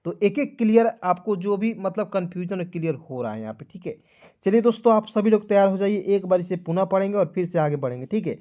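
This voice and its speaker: A man's voice: high voice, animated, fast, dark tone, muffled recording. A male teacher giving a beginners' spelling lesson, repeating each step and coaxing his viewers along as friends.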